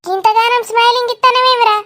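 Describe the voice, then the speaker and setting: A woman with a very high, sharp voice plays a nosy, grumbling village aunt in a cartoon comedy, using a Telangana Telugu accent. She talks fast in a steady tone, bluntly and gossipily, in a teasing, prying mood.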